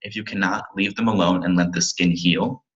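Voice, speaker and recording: Young man, deep voice, crisp bright tone, slide presentation, reads with slips, muffled computer mic. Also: steady tone, normal speed. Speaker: pharmacy student presenter.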